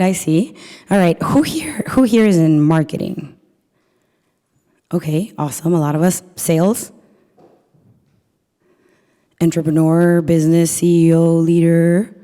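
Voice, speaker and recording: Low, mellow woman presenting in a hall. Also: normal speed. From Peru. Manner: chatty storytelling, polls the audience with questions. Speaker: workshop presenter. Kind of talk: live marketing workshop talk. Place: event room with a live audience. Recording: reverberant hall.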